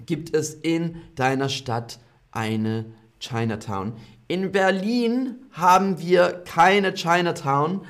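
A man teaching German in a live online lesson, repeating each phrase slowly and clearly and reading out comments from his learners. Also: fairly high pitch, animated, a bit bright.

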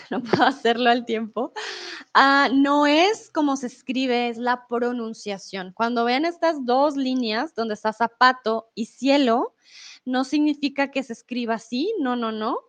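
A woman's voice: high voice, a little slow. A woman from Colombia with a Colombian accent, giving a casual live Spanish lesson and chatting with viewers. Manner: chatty, explains with examples and asks "¿vale?". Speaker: Spanish teacher on a livestream.

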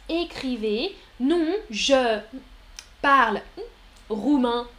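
A woman's voice: sits high, fairly bright tone. A woman from France teaching French in a live online lesson, repeating words one by one and replying to viewers' chat. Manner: slow, deliberate, repeats single words for learners; reads and answers viewers' chat messages.

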